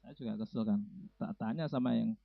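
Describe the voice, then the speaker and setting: A man's voice: medium pitch, brisk, vocal fry, dry recording. A young man doing stand-up, telling rambling jokes and often correcting himself. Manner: rambling, self-correcting storyteller. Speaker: stand-up comedian. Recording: dry, tinny phone-like sound.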